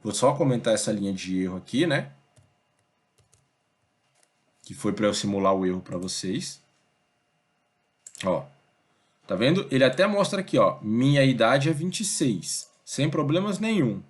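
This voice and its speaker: A man's voice: mid-range voice, very animated, moderate pace. Man teaching code casually. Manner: conversational, thinks aloud, many fillers like "beleza?" and "ó". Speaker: programming teacher. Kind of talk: casual screen-recorded coding lesson.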